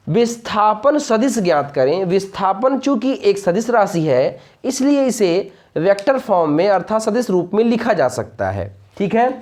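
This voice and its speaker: A man's voice: high voice, darkish tone. A man teaching a lesson, who poses rhetorical questions and answers them, repeats key points and keeps checking that students follow. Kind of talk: explaining a physics lesson.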